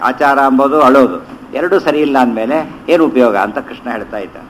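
A man teaching a scripture commentary, chanting verses slowly and then explaining them conversationally with rhetorical questions. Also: medium pitch, a bit bright, a little hiss or hum, rough recording.

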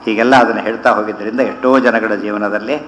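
A man giving a devotional discourse, explaining verses line by line and chanting Sanskrit lines slowly. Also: lowish voice, fairly even intonation, fairly bright tone, a little hiss or hum. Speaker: religious teacher. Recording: echoey hall.

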